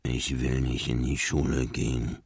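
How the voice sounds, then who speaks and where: A man's voice: low voice, huge pitch swings, slow pace, breathy edge, no room sound, studio quality, exaggerated voice. A man voicing an anxious, overprotective father clownfish in a storybook reading. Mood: fretful. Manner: worried, fretful.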